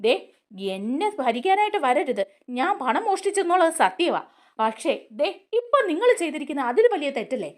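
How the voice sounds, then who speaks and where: A woman's voice: high-pitched, big pitch swings, brisk. A woman voicing Sharath, an angry accusing young man. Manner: heated, accusing.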